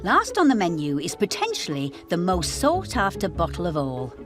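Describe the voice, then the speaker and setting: A woman's voice: on the low side, huge pitch swings, normal speed. A woman reading a scripted television voice-over as narrator, with a playful delivery. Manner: playful, punning. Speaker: narrator of an auction show. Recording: light music under narration.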